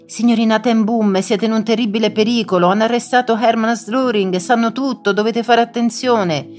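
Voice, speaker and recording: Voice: mid-range voice, fairly even intonation, soft background music, voice pushed up, lightly acted. A reader voicing a frightened woman phoning an urgent warning, in an audiobook. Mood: frantic. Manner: urgent, rushed. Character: frantic woman warning on the phone.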